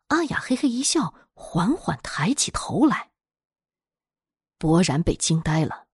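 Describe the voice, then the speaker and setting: A woman narrating a scripted horror story in a dramatic, expressive storytelling manner. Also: fairly low pitch, slightly rough, no room sound, studio quality.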